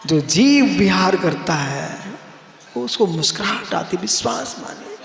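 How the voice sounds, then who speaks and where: A man's voice: high voice, animated, slow, vocal fry, crowd noise. A man giving a sermon as a monk preacher, telling playful stories and teasing his listeners. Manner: storytelling, playful, teasing the audience. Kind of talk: sermon with anecdotes. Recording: echoey hall, roomy reverb.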